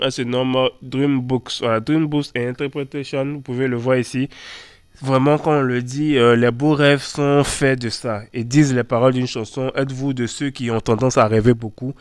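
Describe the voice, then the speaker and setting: A man hosts a screen-recorded walkthrough of phone apps, talking in a loose, chatty way with plenty of fillers and repeated words. His voice is smooth and clean at a middle pitch. He sits close to a dry microphone with no room sound. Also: steady tone, normal speed, dry recording. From Ivory Coast. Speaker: tech channel host.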